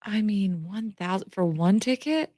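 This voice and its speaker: A woman's voice: medium pitch, expressive, unhurried, dark tone, no room sound, clean studio sound. A woman co-hosting a radio show in casual conversation. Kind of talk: casual chat.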